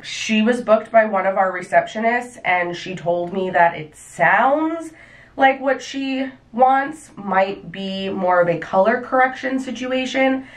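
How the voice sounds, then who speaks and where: A young woman hairstylist chatting casually to camera in a small bedroom at home, filling her talk with "like" and gesturing as she goes. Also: medium pitch. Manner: chatty, frequent "like" fillers, animated hand gestures. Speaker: hairstylist vlogger. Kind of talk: casual vlog chat to camera.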